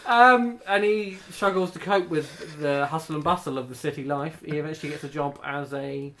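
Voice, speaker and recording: A man's voice: fairly high pitch, moderate pace, fairly bright tone. A man hosting a casual group game, joking and laughing as he tells stories and keeps time. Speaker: game host and timekeeper.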